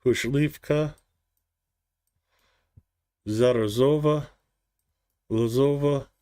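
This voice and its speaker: A native English-speaking man hosts a daily news stream, slowly reading war reports and tripping over difficult foreign place names, adding casual asides along the way. His voice is medium-pitched, steady, mellow, and smooth.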